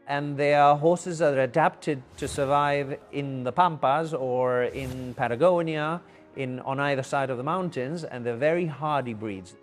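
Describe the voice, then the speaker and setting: Argentine-raised vet, measured interview voice. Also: male voice, medium pitch, faint music behind. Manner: measured, explanatory with fillers. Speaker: equine veterinarian. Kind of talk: documentary interview.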